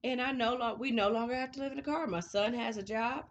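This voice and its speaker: A woman's voice: on the high side, fast talker, dull audio. Woman, thirties, vlog host, candid storytelling, laughs often, faint background noise. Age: 30s. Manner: laughs often, faith-filled, frank.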